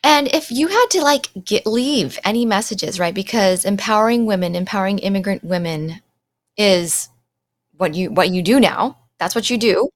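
A woman's voice: mid-range voice, normal speed. Woman interviewer, eager and inquisitive, reacts with surprise. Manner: curious, animated questions with exclamations. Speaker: interview host. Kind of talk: interview conversation.

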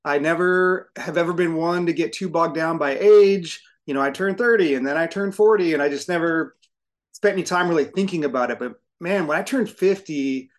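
A man in his fifties with a slightly high-pitched voice talks as a podcast guest about his long firefighting career. His delivery is thoughtful and earnest, with small restarts as he gathers his thoughts. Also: moderate pace. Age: 50s. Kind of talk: reflective conversation.

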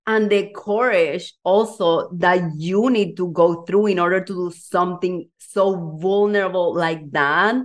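A woman's voice: lowish voice, steady tone, measured pace, hardly any pauses. A woman hosting a podcast interview, an emotional and effusive talker who leans on "like" and shares her own coaching story. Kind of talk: casual interview chat.

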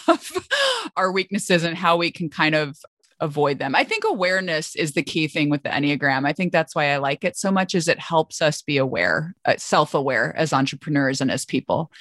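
A woman's voice: low-pitched, a bit bright, no room sound, studio quality. A woman hosting a podcast in casual, informal, self-deprecating chat, crammed into a small closet. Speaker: podcast host. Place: small closet in a house basement, on the floor.

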